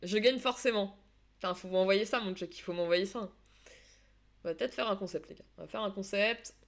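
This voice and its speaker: A woman's voice: medium pitch, fairly quick. A woman streamer, chatting casually with her viewers and casting a football video game match, with many fillers and restarts. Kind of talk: casual live-stream esports commentary.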